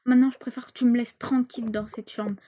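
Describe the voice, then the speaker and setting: A furious teenage girl on the edge of adulthood, as a woman puts her on, throwing accusations in quick, slangy bursts. Her voice sits fairly high. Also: level tone, mellow, a little hiss or hum, lightly acted. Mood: angry. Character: angry teenage girl nearly eighteen, rebellious.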